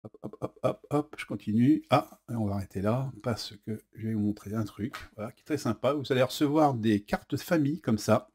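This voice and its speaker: A man with a French accent walks through a board game expansion in a relaxed, chatty way. He hesitates often and fills pauses as he flips through cards. His voice sits in an ordinary middle pitch. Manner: hesitant, many fillers. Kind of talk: casual unboxing and rules demo.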